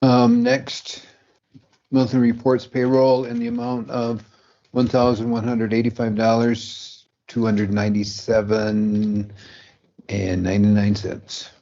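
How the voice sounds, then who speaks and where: A man chairing a county board meeting, moving briskly through motions and votes. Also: on the low side, flat delivery, dark tone. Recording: dull meeting room audio with faint noise.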